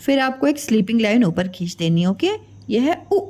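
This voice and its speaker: Brisk and animated, a Hindi teacher with a mellow, high-sitting voice runs an alphabet lesson for kids. She repeats each sound patiently, quizzes the children, and blends English drawing vocabulary into her talk.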